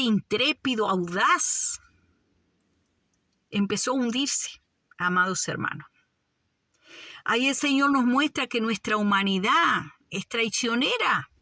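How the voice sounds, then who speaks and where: A woman's voice: a little high, pushed and bright, no echo, studio quality. A woman preaching a fervent sermon, often calling her listeners beloved brothers. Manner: fervent, addresses "amados hermanos" often.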